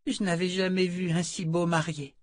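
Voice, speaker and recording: A tearful little girl from a storybook, high and fragile, as a man reading aloud puts her on. She sounds plaintive and hurt, clinging to comfort. The recording is close and dry with no room around it. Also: little pitch movement, normal speed, no echo, close to an everyday voice.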